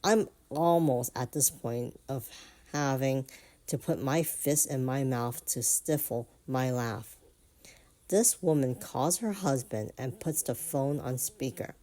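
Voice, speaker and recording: A woman with a low-pitched voice reads online stories aloud. Between passages she reacts with animated, amused comments. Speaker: reddit story narrator.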